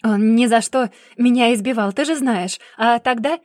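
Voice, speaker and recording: A cornered young man bellows his denials, as a woman reading the story puts him on. The voice is loud and raised, recorded dry and close for an audiobook. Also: fairly high pitch, moderate pace, no echo, lightly acted. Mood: angry, defensive. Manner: shouting denials. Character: angry cornered young man, violent brother.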